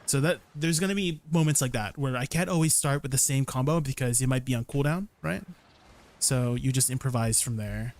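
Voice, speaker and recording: Fairly quick and mid-range in pitch, a young male streamer comments casually on his play, breaking down combos. He's chatty, answers his viewers, and frequently finishes lines with "right?".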